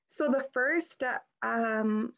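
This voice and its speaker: A young woman moderating a panel discussion over a video call, speaking in a friendly, halting way with many ums and restarts. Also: on the high side, a bit bright, slight background noise. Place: indoors at home, plain wall.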